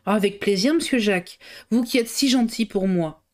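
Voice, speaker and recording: A chatty, gossipy middle-aged housekeeper, put on by a woman reading a novel aloud. Her familiar talk rides higher than the reader's own voice. She is plump and eager and a bit nosy, straight out of an old serial novel. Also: normal speed, close to an everyday voice. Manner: familiar chatty speech, high and bright.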